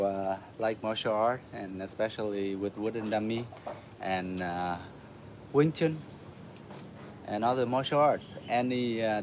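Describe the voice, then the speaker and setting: A man from Vietnam hosting a martial arts livestream, chatting casually with viewers while he warms up, with lots of uh fillers. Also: medium pitch, slight background noise. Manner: relaxed, chatty, many uh fillers, laughs often. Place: home in the city.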